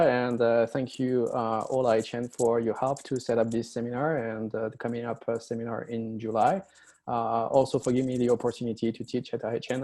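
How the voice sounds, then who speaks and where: A middle-aged man from France with a French accent, giving a webinar lecture over a computer mic and pausing often with "uh". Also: medium pitch, a little mellow. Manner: hesitant, many "uh" fillers. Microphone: computer mic on a video call.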